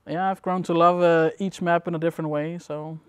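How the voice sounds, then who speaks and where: Fairly quick but still loose and wandering, this young Danish gamer fills his interview replies with small verbal fillers. He has a smooth, clear, somewhat high male voice with little melodic variation. The recording, made in a dim indoor space at a gaming event, is close and completely dry.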